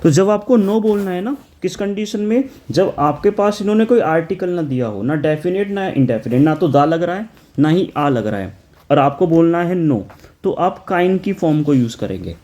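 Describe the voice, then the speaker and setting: A man works through a German exam paper, reading out each question and explaining the answer step by step. He chants the article forms aloud in a steady classroom rhythm. His voice sits a little high but sounds dark and mellow. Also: moderate pace. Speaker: German language teacher.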